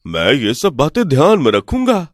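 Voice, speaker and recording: A man voices an easily fooled, greedy village priest for an animated folk tale, eager and confiding, excitable and ready to believe anything. The pitch jumps around as he speaks at normal speed, close and dry with no room sound.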